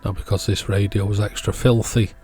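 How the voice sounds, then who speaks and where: The host of an electronics repair channel thinks aloud as he works, offering casual hands-on commentary. His lowish, mellow voice is brisk with little pitch movement, and faint music plays behind him.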